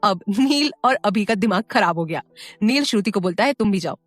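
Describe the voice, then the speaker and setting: A woman's voice: medium pitch, animated, normal speed, a bit bright, no room sound, soft background music. A woman narrating a scripted audio story, with friendly asides to the listener.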